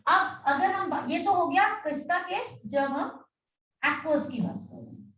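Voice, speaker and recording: A woman's voice: high-pitched, animated, takes it slowly, a bit bright. A woman teaching chemistry in a classroom lecture, mixing Hindi and English and often stopping to check that her students follow. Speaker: chemistry tutor. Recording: echoey room, mic at a distance.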